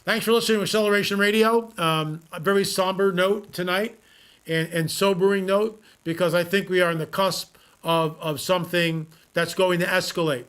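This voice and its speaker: A man's voice: fairly even intonation, moderate pace, fairly bright tone, clear, resonant tone. A man hosting a talk radio show, talking earnestly and repeating his points for emphasis. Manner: earnest, repetitive, emphatic pitch. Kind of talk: talk radio monologue and live ad read.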